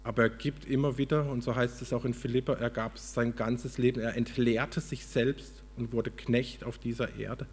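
Brief: earnest male preacher, calm storyteller, medium pitch, a slightly husky voice. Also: moderate pace, few pauses, in a large hall. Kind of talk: storytelling sermon.

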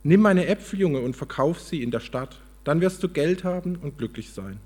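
Brief: a kind, self-giving apple tree, read by a man, soft and pleading, a touch husky. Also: on the high side, expressive, normal speed. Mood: tender. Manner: tender, pleading, apologetic.

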